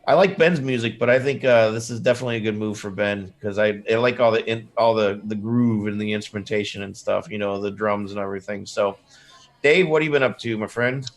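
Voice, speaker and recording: A man's voice: lowish voice, a little fast. A man co-hosting a live music show, talking in a loose, joking, chatty way. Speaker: co-host. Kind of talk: casual live show chat.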